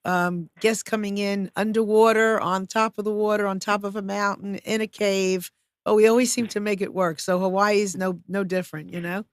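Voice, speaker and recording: A woman's voice: mid-range voice, flat delivery, normal speed, dry recording. A woman hosting a live studio talk show, upbeat, chatty and welcoming. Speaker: show host.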